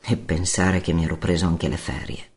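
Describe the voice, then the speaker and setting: A man's voice: low voice, steady tone, moderate pace, a little mellow. A man narrating a first-person novel as an audiobook, in a wry, laconic storytelling manner.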